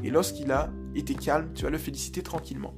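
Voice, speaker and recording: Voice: mid-range voice, fairly even intonation, quick pace, a little mellow, soft background music. A dog trainer giving a client casual, chatty advice, with many fillers and restarts. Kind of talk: casual spoken coaching advice.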